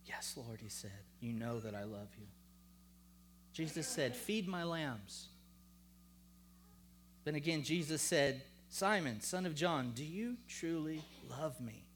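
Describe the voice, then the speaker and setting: A man preaching a sermon, emphatic and rhetorical, calling on the congregation, then lowering to a hushed voice when reading scripture. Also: animated, slow, pauses often, slight background noise. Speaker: pastor.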